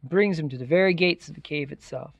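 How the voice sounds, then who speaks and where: Gravelly man telling a folktale casually. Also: a little high, brisk, no echo. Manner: loose, chatty, repeats words, fillers like "like". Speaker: storyteller. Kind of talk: casual oral retelling of a folktale.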